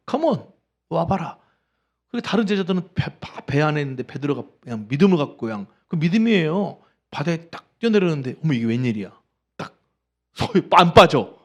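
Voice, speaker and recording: A middle-aged man preaching from the pulpit with a somewhat high voice. He tells the story with animation and acts out the voices he quotes. He keeps asking the congregation questions as he goes. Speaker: pastor. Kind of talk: sermon. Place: church sanctuary.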